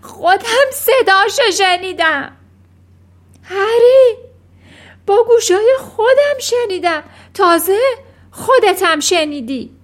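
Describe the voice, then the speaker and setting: A woman's voice: very high-pitched, pitched above the performer's own voice. A woman reading a children's storybook aloud, voicing a frightened middle-aged mother who panics and shrieks. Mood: shrieking. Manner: panicky, shrieking and whispering in turns.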